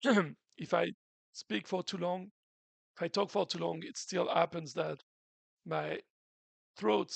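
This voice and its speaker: Still a bit sore-throated after the flu, a man explains updates on a game's community stream, earnest and casual, restarting often. He speaks slowly with long pauses in a steady, high-sitting, gravelly voice he calls unusual, and there's no echo.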